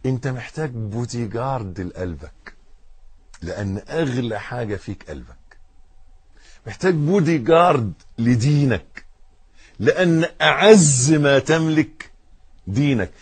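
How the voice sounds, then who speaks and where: A man with an Egyptian accent preaching a sermon, moving from loud emphatic stress to hushed, intimate asides aimed straight at his listeners. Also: medium pitch, animated, measured pace, husky, no echo. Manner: speaks directly to the audience with colloquial asides.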